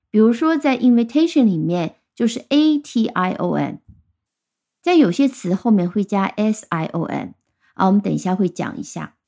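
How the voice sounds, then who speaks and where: Mellow-voiced woman teaching vocabulary. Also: fairly high pitch. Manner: clear, patient explaining, slows down for English example sentences. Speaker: English teacher. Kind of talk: vocabulary lesson.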